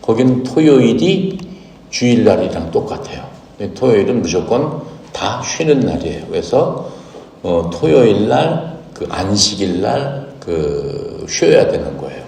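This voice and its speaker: Male pastor, deep voice, teaching sermon with questions to the room; recorded distant in a reverberant hall. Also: very animated, measured pace, creaky, warm tone. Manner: asks the congregation questions, explanatory teaching. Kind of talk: Bible reading and sermon. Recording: echoey hall, voice from far off.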